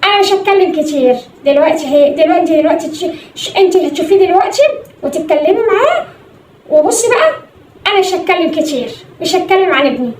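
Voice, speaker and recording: Comedy sketch: woman doing a loud, bragging Egyptian mother-in-law type, squeaky-high and rattling along fast, in an echoey room. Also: lively intonation. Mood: boasting. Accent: Egyptian Arabic. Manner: gushing, shrill sudden outbursts. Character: boastful pushy mother of a dim groom. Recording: echoey room, mic at distance, faint hum.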